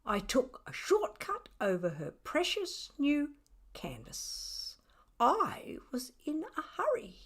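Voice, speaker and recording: In an expressive children's storybook reading, a woman voices a smug, defiant male pet cat making indignant, mock-innocent excuses. Her voice sits on the high side and is heavily acted.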